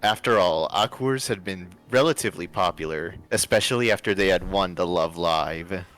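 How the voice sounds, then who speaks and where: Over background music, a livestream narrator reads fan fiction aloud expressively, dropping in casual banter along the way. He has a deep, fairly bright voice and a moderate pace.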